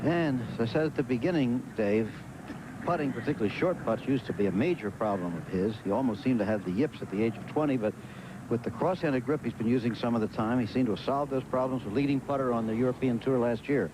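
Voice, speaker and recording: An American man giving live golf commentary as lead television announcer, in a measured, formal way with pauses. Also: mid-range voice. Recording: noisy outdoor broadcast, vehicle and ambient sound.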